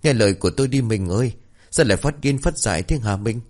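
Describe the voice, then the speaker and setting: A man's voice: lowish voice, lively intonation, fast, a little mellow. A man voicing a husband pleading with his possessed wife. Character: distraught young husband.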